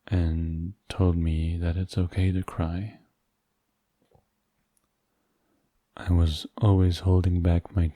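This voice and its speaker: A man playing a tender, hurt, devoted boyfriend in an ASMR role-play, speaking in a soft, intimate, halting murmur to comfort a partner. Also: low voice, no echo, heavily acted. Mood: tender, vulnerable. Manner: slow, halting, gentle, intimate.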